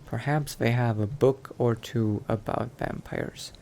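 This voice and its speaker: A man with a medium-pitched, darkish voice and some vocal fry haltingly muses aloud as a reflective scholar slowly turning into a vampire. The improvised roleplay monologue has a little background noise behind it.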